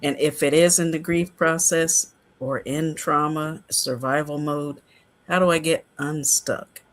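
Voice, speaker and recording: A man in his sixties speaks a little higher than most men. He explains things in an easy, conversational way, as a co-host of a casual podcast. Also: steady tone, measured pace, fairly bright tone.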